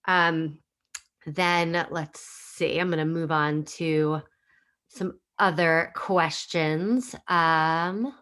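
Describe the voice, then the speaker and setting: Low-voiced woman casting executive on a webinar. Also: steady tone, very slow, a bit bright, clear, resonant tone. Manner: conversational, repeats words as she thinks. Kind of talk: webinar Q&A answer. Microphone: video call.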